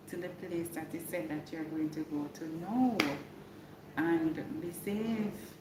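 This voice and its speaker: Jamaican woman livestreamer, casual update style with repeated phrases, in an echoey room with clear background noise. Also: fairly low pitch. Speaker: livestreamer giving a hurricane update. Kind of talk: casual live check-in chat with viewers.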